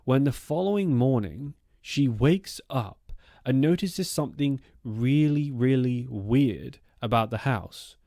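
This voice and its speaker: A man hosts an informal scary-story narration in an average-pitched male voice. He talks conversationally, wandering into asides as he goes. The sound is dry, with very little room in it. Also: darkish tone, dry recording. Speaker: storytelling host of a channel about strange encounters.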